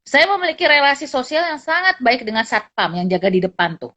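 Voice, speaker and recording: A middle-aged woman psychologist and lecturer chatting casually, telling animated anecdotes and often laughing. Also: high-pitched, a little fast. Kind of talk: casual storytelling chat. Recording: dull lo-fi recording.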